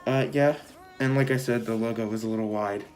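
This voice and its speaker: A man's voice: mid-range voice, steady tone, fairly quick, a little mellow. A man in a casual show-and-tell, his voice muffled through a full-face costume mask. He rambles loosely with many fillers and is short of breath. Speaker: vlogger showing his costume.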